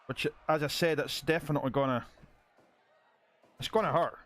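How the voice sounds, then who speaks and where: Man, wrestling game commentator, high voice, excitable, restarts sentences. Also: normal speed. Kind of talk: play-by-play video game commentary.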